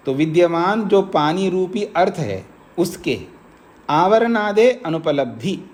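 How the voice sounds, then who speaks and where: A man's voice: on the high side, darkish tone. A man, a monk at an Indian ashram, lecturing students on Sanskrit philosophy, explaining each sutra line by line and repeating it. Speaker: monk teaching Nyaya philosophy.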